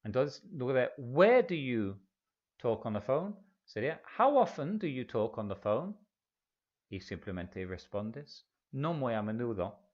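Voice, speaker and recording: Male English teacher, patient drilling style, unhurried delivery with an animated, swinging pitch, slightly muffled lo-fi recording. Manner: slow, patient drilling with repeated example phrases. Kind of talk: language lesson explaining in Spanish.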